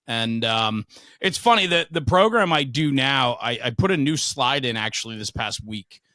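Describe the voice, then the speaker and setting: A middle-aged veteran firefighter and speaker appears as a podcast guest, casually telling stories in a frank, emphatic and opinionated way. His medium-pitched voice is expressive, bright and forceful at a moderate pace, with no room sound.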